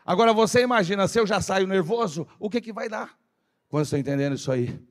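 A man preaching a lively sermon in church, firing rhetorical questions and calling for responses. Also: high voice, fast. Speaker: pastor. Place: church service.

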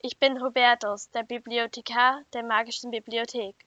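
A woman's voice: fairly high pitch, level tone, normal speed, pushed and bright, no room sound. A woman reading as a wise old librarian man. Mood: calm. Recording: dull lo-fi dry recording.

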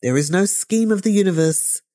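A woman's voice: medium pitch, normal speed, dark tone, natural voice. A woman reading the part of an outspoken, blunt old man in an audiobook, with a declamatory delivery. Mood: earnest. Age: older.

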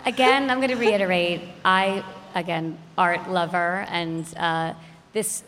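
A woman's voice: fairly low pitch, fairly even intonation, measured pace, a bit bright, slight background noise. A woman moderating a live panel, chatty, asking long, winding questions. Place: art gallery. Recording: long gallery reverb.

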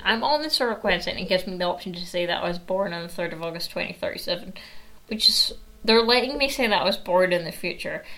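A woman's voice: medium pitch, fairly bright tone. A young woman hosting a podcast, chatting casually in a rambling, sarcastic way with lots of fillers. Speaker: podcast host.

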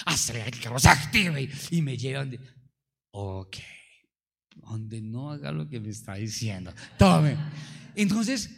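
A man preaching a sermon, animated and acting out prayers in different voices. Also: medium pitch, creaky, slightly rough. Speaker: pastor.

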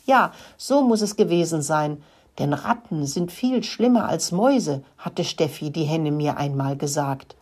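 A woman's voice: deep voice, lively intonation, measured pace, a little mellow, breathy edge, full character voice. Woman doing a know-it-all little boy mouse. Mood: earnest. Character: young boy mouse, sure of himself.

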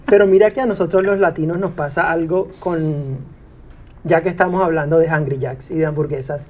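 Mellow-voiced man explaining calmly. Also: a little high, fairly quick, highs cut off. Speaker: podcast co-host. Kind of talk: casual podcast chat.

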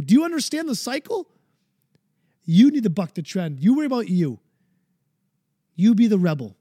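A man's voice: high voice, warm tone, no echo, studio quality. A man hosting a podcast, delivering a fired-up, preachy motivational monologue and swearing freely. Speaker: podcast host.

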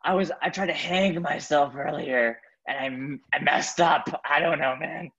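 A man's voice: normal speed, pushed and bright, dull audio. A young man voicing a rude male assassin with a strained, damaged-sounding voice. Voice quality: strained, lowered voice.

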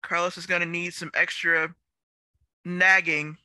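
A woman's voice: on the low side, level tone, unhurried, sharp tone, clear, resonant tone, no room sound. A woman hosting a podcast in an informal, teasing way, chatting casually with guests. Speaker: podcast host. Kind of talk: casual chat interview.

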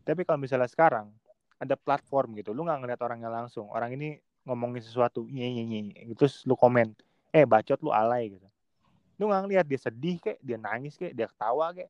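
A man's voice: medium pitch, lively intonation, quick pace, a little mellow, dry recording, dull audio. A man talking casually and animatedly on a remote podcast from home, slangy and mocking online commenters. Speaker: podcast guest.

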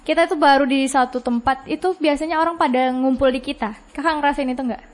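Young woman host, high voice, chatty and responsive casual interviewer. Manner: chatty, responsive, quick with affirmations and laughs.

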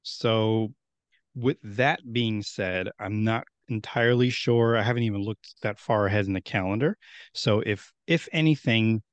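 Low-voiced man casually hosting a podcast. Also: unhurried, clear, resonant tone, no echo. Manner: rambling, friendly, with many restarts. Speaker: podcast host.

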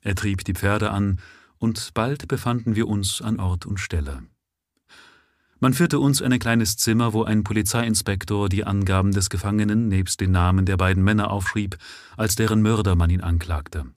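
A man sight-reading a novel aloud live, with steady storytelling. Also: lowish voice, moderate pace, no room sound, clean studio sound. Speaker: reader.

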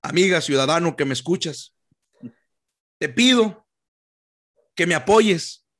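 An earnest populist politician, acted out by a man with a high voice. He pleads solemnly and oratorically in a mock campaign ad. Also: lively intonation, a little slow, fairly bright tone. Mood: solemn pleading. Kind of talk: parody campaign speech.

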